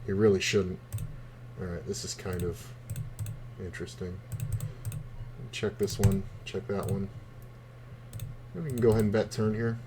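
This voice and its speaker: A man's voice: low voice, fairly even intonation, measured pace, pauses often, background noise. A man streaming online poker, chatting casually with a rambling, profane, laid-back storytelling manner. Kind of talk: casual commentary while playing online poker.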